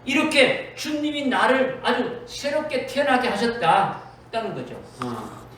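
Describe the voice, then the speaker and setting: A man's voice: very high voice, big pitch swings, a little slow, a bit bright. A man preaching a sermon in a church, emphatic and repetitive, often quoting Jesus in direct speech. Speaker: pastor. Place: church sanctuary. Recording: echoey church hall from far off, faint noise.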